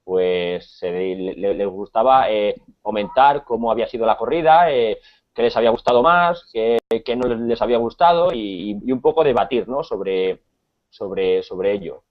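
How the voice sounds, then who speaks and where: A man from Spain with a Spanish accent, teaching a conversational Spanish lesson, pausing often with repeated words and fillers. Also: fairly low pitch, lo-fi sound.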